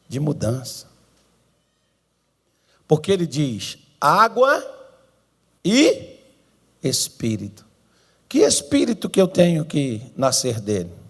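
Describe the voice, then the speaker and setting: High-voiced Brazilian pastor preaching. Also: male voice, gravelly, breathy edge. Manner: preaching with sweeping swings between loud, drawn-out cries and low asides. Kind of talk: sermon. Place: church.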